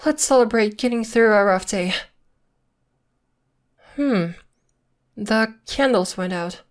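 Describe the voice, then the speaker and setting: A woman speaking slowly in a slightly high voice plays a coy, sweetly menacing girlfriend who is a witch in secret, for an ASMR roleplay. Affectionate and possessive, she teases and makes veiled threats in a sweet tone.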